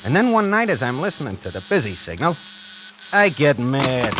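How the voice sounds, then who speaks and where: In a 1940s radio drama, a man plays the lead and narrator, a brash, fast-talking salesman telling his own story in a wisecracking, conversational way over a music score. His mid-range voice is very animated yet close to everyday speech, at normal speed. The background is noisy.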